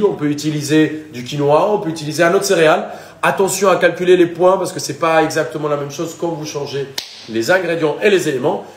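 A man's voice: a little high, roomy sound, a little hiss or hum. A young man with a Colombian accent, a chef chatting and joking with viewers during a live cooking demonstration.

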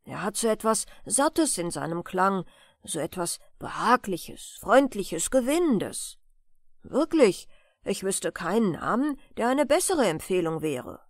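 A woman's voice: mid-range voice, big pitch swings, measured pace, dry recording, studio quality. A woman doing a wistful, polite donkey. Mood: admiring. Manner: wistful, polite, slightly self-pitying. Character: homesick gentle male donkey.

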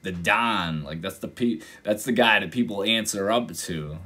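A man hosting a reaction video, casually commenting and getting excited, sometimes exclaiming loudly. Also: fairly low pitch, moderate pace. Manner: excitable, exclaims and breaks into mock voices.

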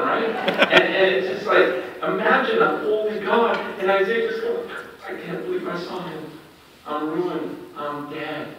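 A man preaching at a prayer breakfast in a conversational way, swinging between loud urgent emphasis and hushed, intimate tones. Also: high voice, a little hiss or hum. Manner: conversational, with fillers like "you know" and "man". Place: large event hall. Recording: echoey, distant, dull hall sound.

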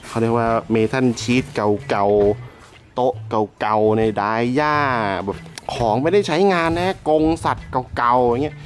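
A man hosting a casual vlog from around a house, excitable and joking, swearing freely and talking straight to his viewers. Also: mid-range voice, unhurried. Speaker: YouTube host.

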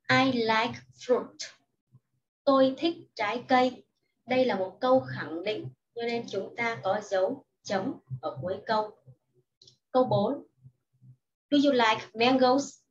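Female primary teacher, slow and patient, slightly distant dull recording. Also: on the high side. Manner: patient, explains each sentence in Vietnamese after English. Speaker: primary school English teacher. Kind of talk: slow, careful lesson for young children.

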